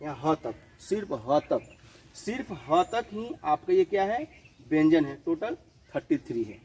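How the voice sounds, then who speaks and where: A man teaching a children's grammar lesson, repeating each definition slowly, asking questions and answering them himself, and mixing in English words. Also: fairly high pitch, very animated, darkish tone, breathy edge, rough recording. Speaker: school teacher.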